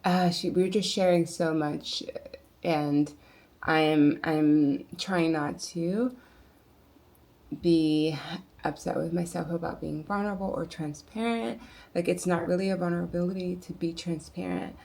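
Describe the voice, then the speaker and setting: Low gravelly woman musing softly. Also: steady tone. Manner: soft-spoken, musing, with quiet asides; unhurried and searching for words. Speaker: vlogger. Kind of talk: personal reflective vlog.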